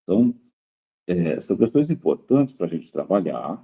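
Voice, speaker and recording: A man's voice: sits low, big pitch swings, moderate pace, phone-quality sound. A male teacher giving a grammar lesson to a class, repeating key words and checking in with the students after nearly every point.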